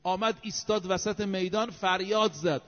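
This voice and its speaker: In a notably high, fairly bright voice, a man preaches a sermon with emphasis, quoting scripture and counting off his points. The dull, lo-fi recording carries a long hall reverb.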